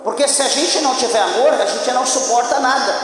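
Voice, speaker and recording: High-voiced Brazilian pastor in echoey hall. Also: male voice, fast. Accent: Brazilian Portuguese. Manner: emphatic preaching, repetitive rhetorical build-ups. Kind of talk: sermon. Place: church hall. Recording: echoey hall with long reverb, faint noise.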